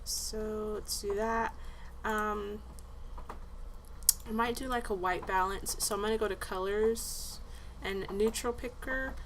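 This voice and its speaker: Female vlogger, middle pitch, casual explanatory chat, home recording with slight noise. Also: steady tone, slow, long pauses. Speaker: vlogger and candle maker. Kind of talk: casual vlog chat and tutorial. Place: indoors at home. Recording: faintly noisy home recording.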